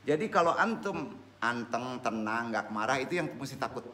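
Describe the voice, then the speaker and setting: A man's voice: mid-range voice, normal speed. A man giving an informal Islamic study talk as a religious teacher, often putting questions to his listeners. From West Sumatra, Indonesia. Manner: animated, questioning the audience.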